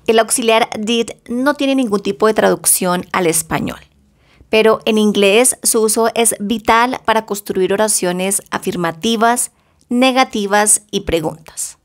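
Slow, careful teacher woman. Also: mid-range voice. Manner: deliberate, stretches example words, careful English pronunciation. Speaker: English teacher. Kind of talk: slow bilingual grammar lesson.

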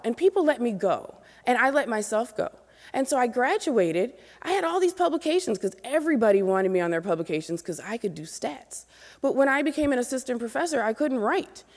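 A woman's voice: high-pitched, big pitch swings, a little fast. Earnest woman lecturing in a reverberant hall. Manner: earnest, direct, gestures as she speaks. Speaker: keynote speaker, professor. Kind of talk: motivational lecture. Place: large auditorium stage at a podium. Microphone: podium microphone. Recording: long reverb of a large hall.

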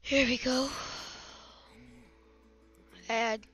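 Slow-drawling young woman streaming a game. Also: sits high, flat delivery, a bit bright, breathy edge. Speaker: gamer streamer. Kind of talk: casual gameplay commentary. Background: game sounds and hip hop music.

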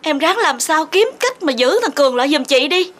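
A distraught middle-aged mother speaks in a high voice. She is tearful and pleading in a family TV drama. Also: animated, moderate pace, fairly bright tone. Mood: worried. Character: distraught rural mother begging her son to stay. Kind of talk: TV drama acting.

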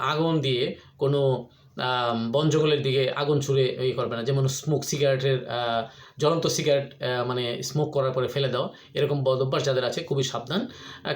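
A middle-aged man vlogging casual advice, rambling and pausing on frequent "ah" fillers and restarts. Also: medium pitch. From Bangladesh. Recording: echoey room.

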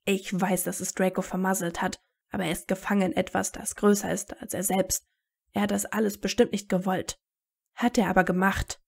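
A woman's voice: mid-range voice, little pitch movement, brisk, creaky, husky. A woman voicing a guarded teenage wizard boy who answers in clipped, wary retorts in a fan audiobook. Her own reading voice carries him. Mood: wary, bitter.

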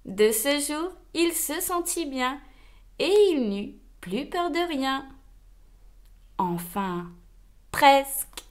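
A woman reading a children's storybook aloud, slow, expressive and gentle. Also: high voice.

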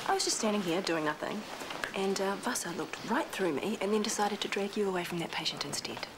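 Lively-toned Kiwi nurse, played by a woman. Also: mid-range voice, a little fast, natural voice. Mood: slighted. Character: efficient, slighted hospital nurse. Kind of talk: naturalistic TV soap acting. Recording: noisy hospital ward ambience.

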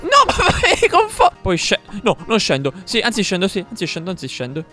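A young man commentating his own gameplay live, excitable, repeating words in quick bursts and swearing when things go wrong. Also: sits high. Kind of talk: live let's-play commentary. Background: game music.

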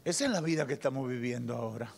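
A man in his thirties with a Dominican Spanish accent, preaching a fervent sermon from a church stage into a handheld mic, moving between loud declarations and slow, hushed lines. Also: mid-range voice, gravelly, a little hiss or hum. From Dominican Republic. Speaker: pastor. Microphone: handheld microphone at a pulpit.

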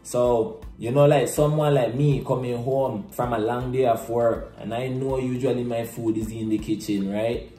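Young adult male, Nicaraguan Creole accent, casual explainer, mellow tone, echoey room. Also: mid-range voice, steady tone, normal speed, faint music behind. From Bluefields, Nicaragua. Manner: conversational, uses Creole phrasing in examples. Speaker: presenter explaining Creole slang. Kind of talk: casual explainer vlog with acted-out examples. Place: small plain room indoors. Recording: roomy echo, camera mic.

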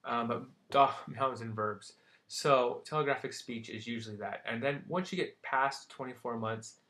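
This young man's voice is mid-range and bright, with a forceful tone and a moderate pace. He's giving a casual recorded lecture on psychology terms, tossing in light jokes and regularly checking in with "right?" and "okay?"

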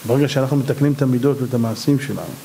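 A man, a rabbi, preaching a sermon, telling stories in an animated way and acting out the voices of the people in them. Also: mid-range voice, gravelly, a little hiss or hum.

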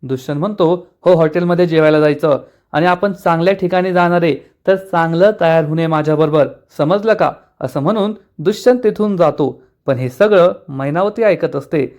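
Animated high-voiced man. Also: moderate pace, few pauses. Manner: quotes each character's lines in an animated voice. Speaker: serial episode recapper. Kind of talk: casual retelling of a TV episode.

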